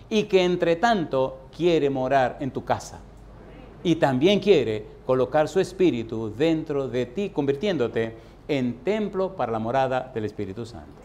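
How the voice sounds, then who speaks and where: A male pastor preaches emphatically, asking rhetorical questions again and again and going soft when he tells stories. His voice is mid-range, with a slight hiss or hum in the audio.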